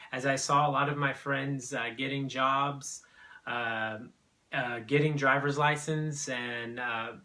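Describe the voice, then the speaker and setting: A young Brazilian man tells his own immigration story unscripted, hesitating often with fillers and restarts as personal testimony. His voice is mid-range with a sharp tone.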